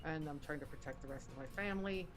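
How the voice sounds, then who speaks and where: Woman, muffled through mask over mouth, slightly low voice, casual game player introduction, clear music behind. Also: quick pace.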